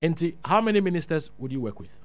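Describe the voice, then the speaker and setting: A man's voice: a little high, sing-song, fast talker, dry recording. A middle-aged Ghanaian man hosting a radio interview in a conversational style on a studio microphone. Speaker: radio host. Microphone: studio broadcast microphone with headphones.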